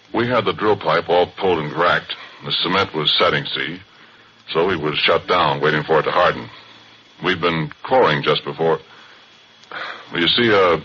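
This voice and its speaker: A narrator voiced by an actor in full character plays a middle-aged former oil-field roughneck spinning a folksy, chatty yarn. His low, bright voice has a forceful tone, heard 1940s radio-style over a hissy, muffled broadcast.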